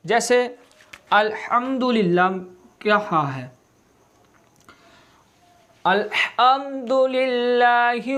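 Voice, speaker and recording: Slow, high-voiced male recitation teacher. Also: fairly bright tone. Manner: slow, deliberate, drawing out each sound to demonstrate it. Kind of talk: step-by-step lesson.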